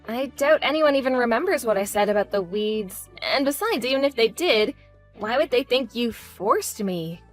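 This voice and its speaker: Audio drama: woman to play polite, apologetic daughter-in-law, meek and placating, high register, light music underneath. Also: animated, normal speed, natural voice. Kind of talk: scripted audio drama acting.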